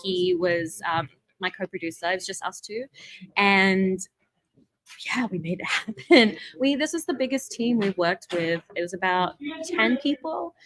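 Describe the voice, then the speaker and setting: An Australian-accented young woman who works as a filmmaker and voiceover actor chats casually in an interview, using lots of fillers and laughing often. Her medium-pitched voice has lively intonation and a measured pace, though the recording quality is low.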